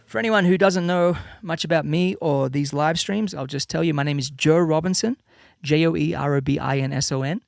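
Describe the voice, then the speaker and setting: A musician in his thirties from Australia, whose accent blends Australian and American, chats loosely and casually with livestream viewers from a home room. His voice is a little high and a little fast with vocal fry, few pauses, lots of fillers and restarts, in a relaxed, rambling style. The studio-clean sound has no echo, though a slight reverb has been added.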